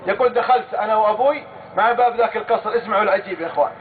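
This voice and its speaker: A man's voice: sits high, very fast. A man preaching a sermon with a Saudi Gulf accent, telling stories and speaking emphatically, often swearing oaths and addressing the crowd directly. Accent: Saudi Gulf Arabic. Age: adult with a young daughter. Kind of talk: sermon with storytelling. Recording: tinny lo-fi phone-like recording with faint hiss.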